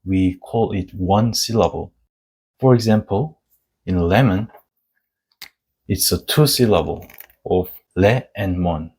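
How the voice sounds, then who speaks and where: Slow-speaking Korean man teaching. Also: on the low side, a little mellow, husky. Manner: slow, deliberate explaining with spelled-out letter sounds. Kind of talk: casual online lesson.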